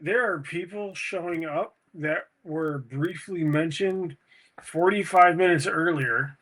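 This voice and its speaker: A man's voice: fairly high pitch, slow, a bit bright. A man co-hosting a podcast in casual chat, rambling and swearing, prone to tangents. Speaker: podcast co-host.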